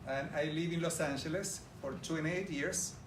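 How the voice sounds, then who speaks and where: A middle-aged Argentine man with an Argentine Spanish accent speaks in a slightly high voice at a fairly quick clip. He's giving an enthusiastic presentation in a large room, addressing the live audience directly. The audio sounds roomy and distant, with background noise.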